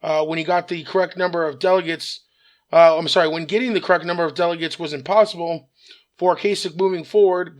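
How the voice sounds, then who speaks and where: Earnest and measured, a raspy-voiced man runs his own news commentary program, often pausing with "uh." His pitch sits a little high.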